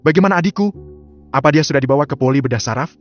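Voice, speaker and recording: A man's voice: a little high, rapid-fire, voice pushed up, close to an everyday voice. Give me a frightened young woman doctor, played by a man with a raised, pleading voice and faint music under it. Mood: shaken. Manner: pleading, shaken. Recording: slightly dull lo-fi audio.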